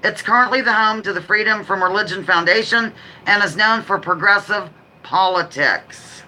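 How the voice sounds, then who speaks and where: A woman hosting a casual live stream, chatting quickly and reading out trivia questions with rambling, apologetic asides. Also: mid-range voice, bright, forceful tone, slight background noise, low-quality recording. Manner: talks quickly. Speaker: livestream host running a trivia quiz. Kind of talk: casual live chat with read-out quiz questions.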